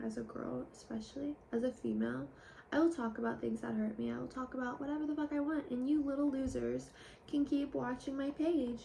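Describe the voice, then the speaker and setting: A young woman in a casual confessional vlog, rambling candidly and sometimes dropping to a soft whisper. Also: fairly high pitch, gravelly, slight background noise. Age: young adult. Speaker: vlogger.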